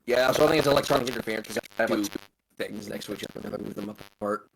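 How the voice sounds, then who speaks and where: A woman's voice: a bass voice, racing, creaky, poor audio. A woman stream moderator chatting over voice chat, blunt and opinionated, swearing freely. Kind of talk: casual chat as a co-host on a live stream.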